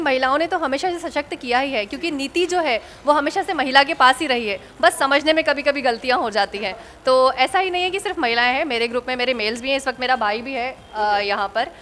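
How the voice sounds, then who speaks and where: A woman who organizes a blood donation camp, answering an interviewer in a measured, earnest way. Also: sits high, bright, forceful tone, in a large hall, slight background noise. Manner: measured and earnest, making an appeal.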